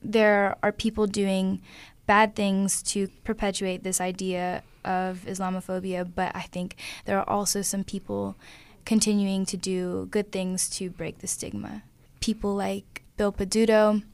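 A woman's voice: medium pitch, flat delivery, unhurried, clean tone, no room sound. Brief: teen girl, youth radio co-host, earnest, dry studio sound. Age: teens. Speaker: student co-host. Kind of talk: scripted news segment and discussion.

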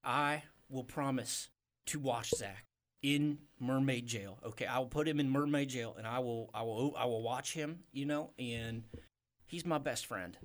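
A performer voicing an earnest merman mayor in improvised comedy, halting as he pleads and reasons. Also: mid-range voice, slight background noise, natural voice. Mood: conciliatory. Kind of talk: improvised comedy role-play.

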